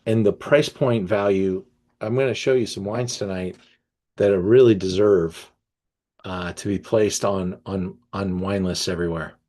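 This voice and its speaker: A man hosting an online wine tasting, reading tasting notes aloud and breaking off to react with enthusiasm, often pausing with fillers and restarts. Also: sits low, fairly even intonation, mellow. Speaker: wine merchant presenting a tasting.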